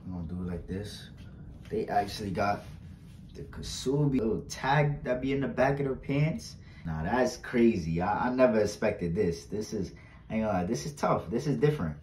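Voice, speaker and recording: A man's voice: lowish voice, darkish tone, a little hiss or hum. Chatty young man in an echoey room. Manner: chatty, slangy, repeats himself, pleads for likes. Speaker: vlogger. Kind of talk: casual unboxing vlog. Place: small bright indoor room. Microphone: fixed camera a few steps away. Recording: roomy, distant camera sound.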